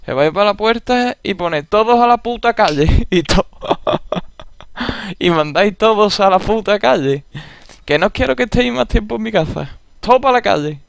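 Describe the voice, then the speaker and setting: A man's voice: sits high, animated, normal speed, gravelly, a little hiss or hum. A young man with an Andalusian Spanish accent, joking through casual gameplay commentary in a laid-back, drawling way. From Andalusia, Spain. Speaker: gaming YouTuber.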